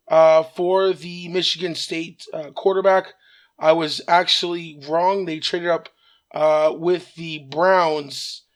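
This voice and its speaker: This man hosts his own news commentary show, speaking in a raspy, slightly high voice. His delivery is earnest and measured, dotted with frequent "uh" fillers.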